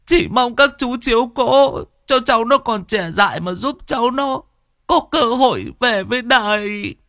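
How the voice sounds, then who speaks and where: A man's voice: very high voice, animated, unhurried, fairly bright tone, dry recording, studio quality, voice pushed up, exaggerated voice. A man voicing a frail old woman in a horror story, begging officials to help her son. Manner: trembling pleading.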